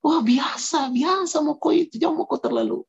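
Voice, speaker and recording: A man voicing a teasing young male peer with a Makassar accent who coaxes and mocks a friend in a high, sing-song voice. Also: moderate pace, vocal fry. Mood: coaxing, teasing. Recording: dull lo-fi sound.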